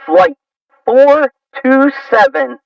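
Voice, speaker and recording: A man's voice: extremely high pitch, very slow, creaky, no echo, distant mic, pitched above the performer's own voice, exaggerated voice. A man playing an airline pilot making a formal cabin announcement through a tinny walkie-talkie. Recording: muffled lo-fi walkie-talkie sound.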